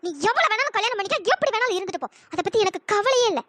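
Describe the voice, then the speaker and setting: A voice actor playing a young wife in a cartoon story, heartbroken and bitter, with a high pitch-shifted voice. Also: lively intonation, very fast, fairly bright tone, no echo, clean studio sound. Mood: scornful. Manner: wailing then scornful.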